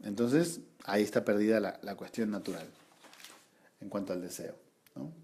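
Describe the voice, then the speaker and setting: Mellow-voiced Argentine man lecturing. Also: fairly low pitch, expressive, normal speed, a little hiss or hum. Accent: Argentine Spanish. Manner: rhetorical tag questions, repeats for emphasis. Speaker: psychoanalysis study group teacher. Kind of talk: explanatory seminar lecture.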